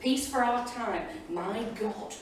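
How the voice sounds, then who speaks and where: Speaking slowly in a fairly high voice, a woman teacher serving as a panelist rambles through chatty, enthusiastic, digressive reflections for an audience. The distant microphone picks up heavy echo and loud room noise from the hall.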